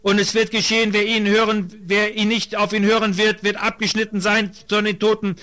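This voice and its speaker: A man's voice: high voice, level tone, fairly quick, bright, forceful tone. A man interpreting a sermon, preaching fervently.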